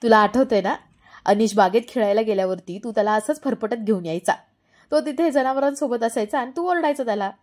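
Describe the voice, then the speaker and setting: A woman voicing a calm, reassuring older man who gently soothes an upset friend. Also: fairly high pitch, brisk, close to an everyday voice. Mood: soothing.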